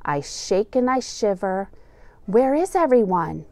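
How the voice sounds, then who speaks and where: A children's picture book is read aloud by a middle-aged woman teacher, deliberate and expressive in her storytelling. Her voice is mid-range, and the recording has no echo.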